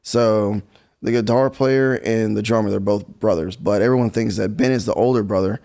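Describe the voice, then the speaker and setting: A man's voice: lowish voice, normal speed, darkish tone. A young man, a guest musician, chatting in an easygoing, rambling way with many fillers. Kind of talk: casual interview chat.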